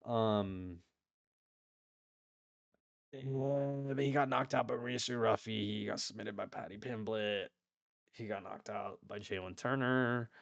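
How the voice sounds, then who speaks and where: A man's voice: on the low side, fairly even intonation, measured pace, creaky, long pauses, dry recording, lo-fi sound. A man giving casual, opinionated commentary on fighters, talking in a rambling way with lots of swearing and restarts. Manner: rambling, profane, frequent restarts. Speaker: YouTube MMA commentator.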